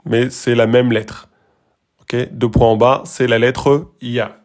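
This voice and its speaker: Guy teaching arabic letters really slowly, patient, keeps repeating stuff and sounding it out. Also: medium pitch, little pitch movement, darkish tone. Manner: slow, patient, repeats rules and models sounds. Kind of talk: online lesson.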